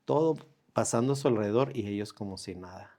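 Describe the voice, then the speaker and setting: A man, sharing a personal testimony in earnest, unhurried conversational storytelling. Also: lowish voice, warm tone. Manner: earnest, unhurried, with pauses and reenacted dialogue.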